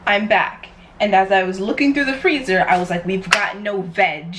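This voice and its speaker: In this casual cooking vlog, a young American vlogger from New York talks to the camera in her home kitchen, playful and chatty with what she calls chaotic energy. She speaks at normal speed in a mid-range, slightly bright voice, with clear background noise and room ambience around her.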